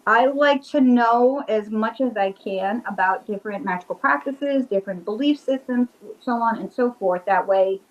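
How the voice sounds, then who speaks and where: A muffled recording captures a woman with a voice on the high side, talking at normal speed with few pauses. A witch and paranormal investigator from Rhode Island, she speaks with that accent as an eager, casual guest on a video-call interview, heavy on "like."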